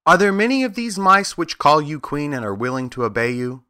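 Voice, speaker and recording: Storybook scarecrow, male reader: earnest, persuasive, friendly, bright and animated. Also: on the high side, brisk, dry recording, studio quality, voice pushed up. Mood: curious. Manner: earnest, eager.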